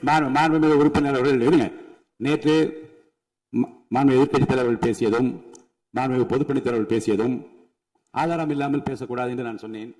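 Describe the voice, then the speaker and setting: A man's voice: medium pitch, steady tone, a little fast, pauses often, darkish tone, rough recording. A man, the assembly speaker, giving formal rulings while chairing a debate.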